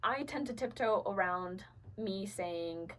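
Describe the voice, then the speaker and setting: A woman's voice: mid-range voice, animated, takes it slowly, low-quality recording. A young adult woman from Venezuela, a podcast guest, telling her personal story earnestly with many fillers and restarts.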